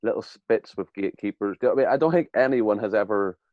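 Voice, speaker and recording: A man's voice: lowish voice, expressive, a little fast, dry recording. A man hosting a podcast, talking bluntly and casually and swearing now and then. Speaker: podcast host, agency owner. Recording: dull lo-fi mic.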